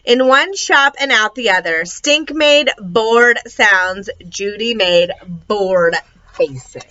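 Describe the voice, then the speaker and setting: A woman's voice: mid-range voice, animated, slow, pushed and bright. A woman reading a children's chapter book aloud expressively, giving each character a voice. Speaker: storyteller. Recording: dull lo-fi recording.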